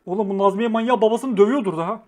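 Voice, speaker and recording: A young woman streamer giving loud, joking live commentary on a TV show, swearing freely. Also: mid-range voice, racing.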